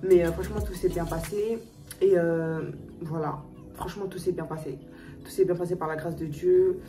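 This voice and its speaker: A woman's voice: lowish voice, fairly even intonation, moderate pace, dark tone, recorded from a distance, faint music behind. A young woman vlogging a personal story to her viewers, talking emotionally and repeating herself with lots of fillers and restarts. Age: young adult. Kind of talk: storytime vlog, casual chat to viewers.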